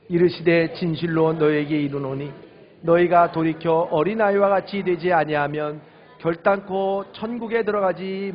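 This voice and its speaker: A man preaching a Sunday sermon as pastor, acting out family quotes with lively swings of voice. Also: fairly high pitch, dull audio. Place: church sanctuary.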